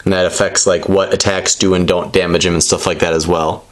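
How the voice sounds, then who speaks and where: Male hobby vlogger, low voice, casual off-the-cuff show-and-tell, rambling and a bit unsure. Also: level tone, brisk. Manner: rambling, tentative explaining. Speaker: presenter opening trading card packs.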